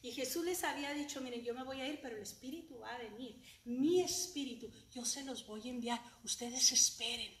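A woman pastor preaching a fervent sermon, swinging from soft near-whispers to loud cries. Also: high-pitched, fairly quick, hardly any pauses. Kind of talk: Spanish-language church sermon. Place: church sanctuary. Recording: echoey church room with faint noise.

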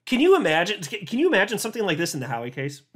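Talking very fast in a high, fairly bright voice with huge pitch swings, a crypto commentary host reads out a legal filing. He responds with sarcasm and incredulity, laughs in disbelief, and keeps restarting words as he gets worked up.

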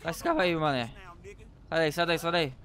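Excitable Brazilian man commentating gameplay. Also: on the high side, a little fast. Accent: Brazilian Portuguese. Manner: excitable, shouting, frequent slang. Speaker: gameplay youtuber.

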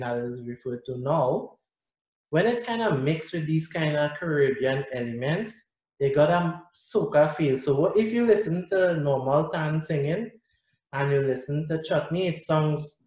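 With a voice that runs a little high, a middle-aged Trinidadian-accented musician chats casually and animatedly as a video call guest. He gestures with his hands while explaining, and his webcam audio echoes in the small indoor room.

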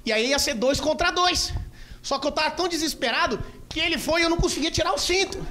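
High-voiced, rowdy Brazilian comic. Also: male voice, fast. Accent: Brazilian Portuguese. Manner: rowdy, swearing, acts out scenes and voices with sudden shouts. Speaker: stand-up comedian. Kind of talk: stand-up routine. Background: audience laughter.

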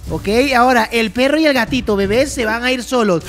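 A YouTuber giving excitable reaction commentary, laughing often and reading the characters' lines aloud. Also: medium pitch, fairly quick. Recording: music playing underneath.

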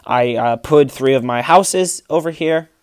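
Man, casual rambling vlogger, dry close phone sound, mid pitch. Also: a little slow, clean tone, no room sound. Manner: rambling, many fillers and restarts. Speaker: Lego city builder and channel host. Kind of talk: casual vlog walkthrough. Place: indoor room with a large Lego table, behind the camera.

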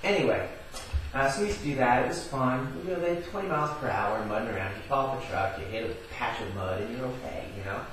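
A man casually telling a personal story, rambling with lots of fillers and building to excited yelling. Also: mid-range voice, quick pace, a little hiss or hum. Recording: very echoey room, far from mic.

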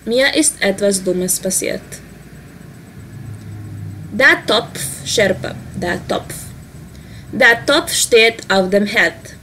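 Slow, careful woman teaching vocabulary. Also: mid-range voice, a bit bright, a little hiss or hum. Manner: says each word and sentence slowly, then translates it quickly. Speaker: language teacher. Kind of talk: vocabulary lesson.

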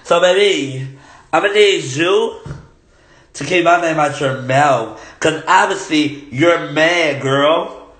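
A man's voice: a little high, slow, a bit bright. A man on a livestream, taunting and confrontational, repeating his jabs over and over on a phone mic. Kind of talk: heated livestream rant. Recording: roomy echo.

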